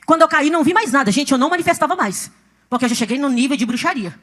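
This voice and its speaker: A woman's voice: high-pitched, animated, racing. A woman giving a dramatic church testimony in an emphatic way, acting out the voices she quotes, at a church service.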